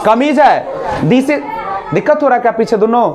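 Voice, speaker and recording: A man's voice: extremely high pitch, animated, normal speed, a crowd in the background. A man teaching a spoken English class in a classroom, drilling students with repeated questions and having them repeat after him. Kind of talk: classroom lesson.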